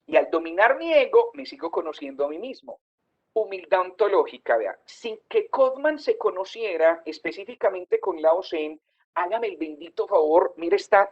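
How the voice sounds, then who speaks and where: Lady teaching teachers over a call, husky lowish voice, kinda dull lo-fi sound, keeps asking the audience stuff. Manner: emphatic, questions the audience and reads their comments. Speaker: university lecturer. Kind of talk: online teacher-training lecture.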